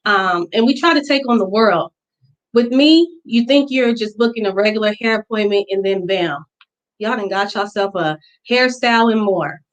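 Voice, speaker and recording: A woman presenting a pitch for her hair salon in an earnest, heartfelt way. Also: moderate pace, rough recording. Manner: earnest and emotional, fighting back tears at times. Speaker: business pitch contestant, hair stylist. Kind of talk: virtual business pitch presentation.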